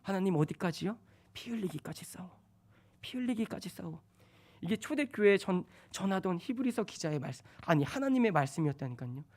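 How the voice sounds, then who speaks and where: High-voiced emphatic male preacher. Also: lively intonation, a little fast. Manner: emphatic, swings between loud urgent and soft hushed. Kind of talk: sermon.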